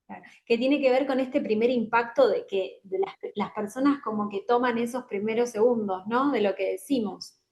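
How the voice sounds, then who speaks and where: Higher-voiced woman explaining tips. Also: normal speed, darkish tone. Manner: didactic, hesitant fillers, gives spoken examples. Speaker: guest on job interview communication. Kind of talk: explanatory interview talk.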